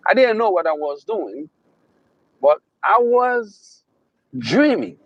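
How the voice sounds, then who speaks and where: Haitian-accented man, motivational speaker, slow and emphatic, dry, slightly muffled recording. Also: sits high, sing-song, dry recording. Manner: emphatic, repeating phrases, slow drawn-out stresses. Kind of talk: motivational talk.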